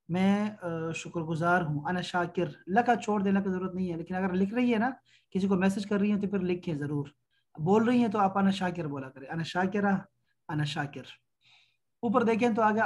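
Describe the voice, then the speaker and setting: A man teaching an online language lesson. He patiently drills each phrase slowly and repeats it, then explains it quickly and corrects the student. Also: high voice. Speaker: Arabic teacher.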